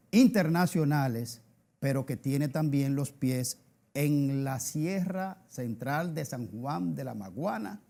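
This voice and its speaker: Lively Dominican man hosting. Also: fairly high pitch, gravelly. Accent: Dominican Spanish. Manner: lively, emphatic introductions with many short backchannels. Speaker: TV interview host. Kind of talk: TV interview.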